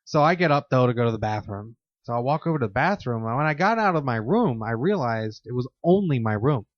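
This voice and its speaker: A man telling a story on a podcast in a casual, animated, profane way, acting out the sounds. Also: mid-range voice, fast talker, no echo. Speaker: podcast guest. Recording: dry, muffled lo-fi podcast audio.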